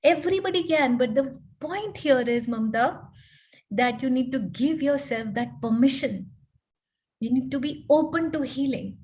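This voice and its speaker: Woman counselor, high-pitched voice, explanatory, keeps asking "right?" to check in. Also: unhurried, darkish tone. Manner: explanatory, frequent tag questions. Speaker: life coach and counselor. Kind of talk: online panel talk.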